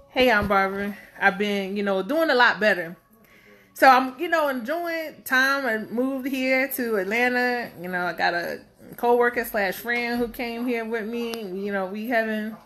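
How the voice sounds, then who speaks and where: Rambling woman in her thirties, bright voice. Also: mid-range voice. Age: 30s. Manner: rambling, filler-heavy; blunt and outspoken. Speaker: vlogger. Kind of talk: casual talk to camera.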